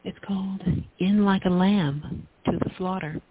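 A woman calling in to a radio show over a phone line, polite and gently hesitant, about to share a poem. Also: medium pitch, steady tone, measured pace, slightly rough. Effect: heard over a phone line into a radio show. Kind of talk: call-in chat, reading a poem.

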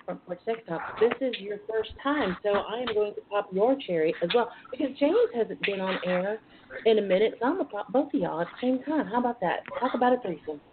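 A woman's voice: mid-range voice, lively intonation, brisk. A woman hosting a casual radio talk show in a chatty, sassy, bawdy manner. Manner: sassy, bawdy, uses endearments. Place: front porch at home. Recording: phone-like internet radio line with hiss.

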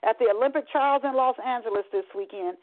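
A woman doing an excited TV sportscaster, over a tinny phone line. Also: on the high side, fast, pitched above the performer's own voice, close to an everyday voice. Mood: announcing. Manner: announcing sports news.

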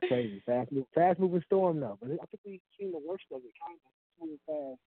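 A man's voice: fairly high pitch, wildly swooping pitch, brisk, vocal fry, dry recording. A man calling in as a guest over a phone line, chatting casually and chuckling. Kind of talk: casual chat. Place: indoors by a window.

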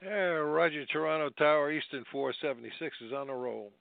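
A male pilot talking over the radio, his voice gravelly and pitched a little high. He answers in short, clipped radio phrases. The transmission sounds thin and tinny, like a narrow radio band. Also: a little fast. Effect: pilot speaking over a cockpit radio. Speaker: airline pilot.

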